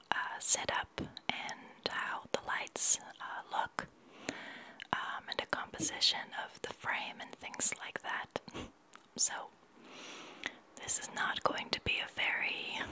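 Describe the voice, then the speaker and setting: A young adult woman leaning in close to the microphone, speaking in a soft, breathy whisper as she chats casually to viewers as an ASMR host. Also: low-quality recording. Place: small attic studio, indoors. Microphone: large microphone close to the mouth.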